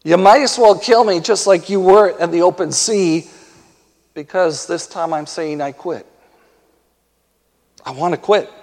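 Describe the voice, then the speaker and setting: A man's voice: high voice, unhurried, long pauses, a little mellow. A man voicing an angry, defiant male prophet who rants that he would rather die than serve. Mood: resentful. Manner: ranting, indignant. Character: furious sulking male prophet, whiny and defiant. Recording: long hall reverb.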